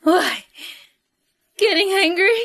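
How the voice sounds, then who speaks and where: A woman's voice: extremely high pitch, expressive, slow, a bit bright, exaggerated voice. A woman voicing a bitter, taunting young mistress in a dubbed drama.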